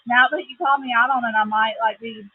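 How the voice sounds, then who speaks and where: A woman with a North Louisiana Southern accent chats casually while demonstrating a painting craft, explaining as she goes and using lots of fillers. Her voice is fairly high, steady, fast and slightly rough, and the recording sounds tinny, like a phone.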